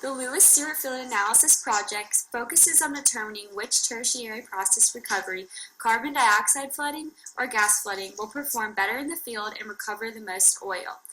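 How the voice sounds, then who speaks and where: A young woman from Louisiana, a student reading a formal class presentation in an even, listing way. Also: on the high side, a little fast, slight background noise, poor audio.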